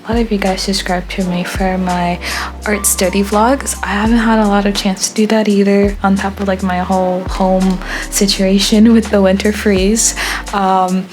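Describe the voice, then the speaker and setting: A young woman talks through a drawing session in a loose, rambling way, full of ums and asides. Her voice sits at an ordinary pitch for a woman, and faint music plays softly behind her. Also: normal speed. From born in Haiti, grew up in Florida. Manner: rambling, relaxed, frequent ums. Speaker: artist vlogger. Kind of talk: casual voice-over chat while drawing.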